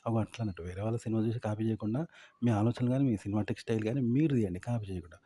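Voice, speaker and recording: A man's voice: on the low side, racing, dark tone. A man with a Telangana Telugu accent giving informal advice, emphatic and repetitive, often asking rhetorical questions. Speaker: content-making tips presenter.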